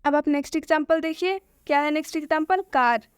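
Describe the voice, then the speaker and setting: A woman's voice: high-pitched, quick pace, no room sound, clean studio sound. A woman teaching English pronunciation, asking questions and answering them as she repeats each point. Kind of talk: explanatory lesson.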